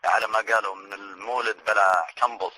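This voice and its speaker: A man's voice: lowish voice, steady tone, quick pace, background noise. A man playing pranks on the phone as a radio host, teasing and persuasive.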